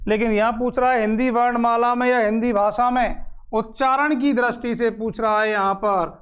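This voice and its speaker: A man teaching a grammar lesson, dictating slowly, repeating phrases and asking questions he then answers himself. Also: very high-pitched, fairly even intonation, a bit bright, smooth. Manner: slow, repeats phrases for note-taking, asks and answers own questions.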